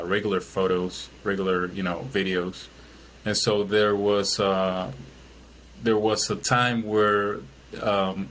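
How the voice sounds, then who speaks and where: A man's voice: deep voice, fairly bright tone, a little hiss or hum, rough recording. A man from Chile, a guest in an interview, talking casually with many fillers and restarts. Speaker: guest, business owner.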